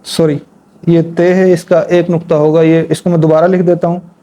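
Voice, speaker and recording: A man teaching how to write letters in a patient, step-by-step lesson. His voice sits fairly high for a man and has a dark, mellow tone. He spells each word out slowly and repeats it while he demonstrates the strokes. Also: little pitch movement. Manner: talks while demonstrating at a board. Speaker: Urdu writing teacher. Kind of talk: instructional lesson.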